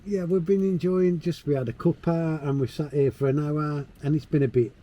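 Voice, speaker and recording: A man's voice: on the high side, fairly even intonation, fairly quick, muffled recording. A British man vlogging in casual, laid-back conversation with informal phrasing. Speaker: travel vlogger. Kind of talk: casual chat to camera. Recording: location sound with faint noise.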